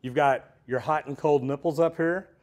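A middle-aged plumber, recorded on a lapel mic, demonstrates hands-on in a metal-walled storage unit and explains things practically. His voice is a little high and a little mellow, with fairly even intonation at a moderate pace. Plain-spoken, he addresses viewers as "guys."

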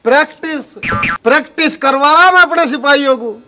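An actor playing a boastful, bossy and corrupt village police inspector in a comic sketch. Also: male voice, very high voice, normal speed, music in the background. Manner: boastful, bossy, then wheedling when caught.

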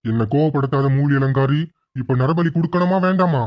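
A performer voicing a sinister male guru sorcerer in a cartoon, chanting rituals slowly and solemnly. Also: medium pitch, a little mellow, lightly acted. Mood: menacing. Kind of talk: cartoon voice acting.

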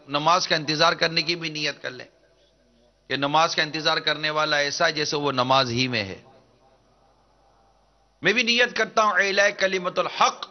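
Earnest preacher man, dull lo-fi sound. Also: a little high. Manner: earnest, measured declaiming. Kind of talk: devotional sermon. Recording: dull lo-fi recording.

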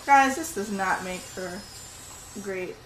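A woman's voice: medium pitch, slow. A woman hosting a casual let's play, playing the game herself, laughing a lot and groaning at her mistakes. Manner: laughs often, frustrated exclamations while playing. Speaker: let's play host, at the controls. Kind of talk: casual gameplay chat. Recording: roomy echo with loud crowd noise.

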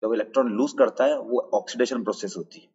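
Talking fast in a slightly mellow, breathy mid-range voice, this man teaches a live online quiz and works through each answer step by step. He says hello to people in chat and invites their answers, with dull, lo-fi sound and a long reverb tail.

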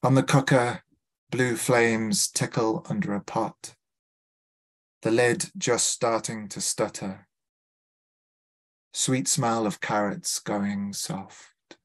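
A man's voice: fairly low pitch, steady tone. A man from Liverpool with a Scouse accent, a poet reading his work aloud and introducing each poem with a few hesitant fillers. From Liverpool, England. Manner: measured, deliberate reading with small hesitant fillers between poems. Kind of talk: live poetry reading with spoken introductions. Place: literary festival event.

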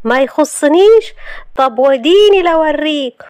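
A woman's voice: high-pitched, quick pace, voice pushed up, close to an everyday voice. A woman doing a furious betrayed young wife. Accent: Egyptian. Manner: shouting, sharp accusations.

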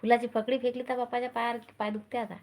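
A woman's voice: on the high side, little pitch movement, very fast, a little mellow, a little hiss or hum. A middle-aged woman from Maharashtra, chatting casually on a live stream and repeatedly urging viewers to join and comment. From Maharashtra, India.

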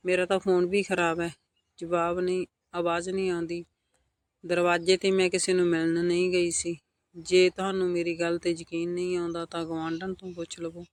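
A man tells a family drama in the first person, speaking every character's lines in his own voice. He sits high in pitch and stays level and even throughout, with an earnest, measured delivery. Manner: steady, earnest retelling of family drama, voicing all quotes. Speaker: storyteller. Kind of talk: scripted first-person story narration.

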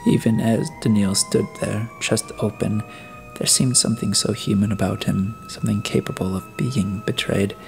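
A man narrating an audiobook in a measured, steady reading. His voice is low and even. Quiet music plays beneath him. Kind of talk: scripted narration.

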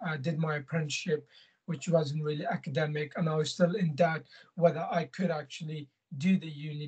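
A man's voice: a little high, husky, rough recording. A young man from Afghanistan, a scholarship student and boxer, speaking in a hesitant way with many fillers on a video call from a small room at home. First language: not English. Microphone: laptop webcam, video call.

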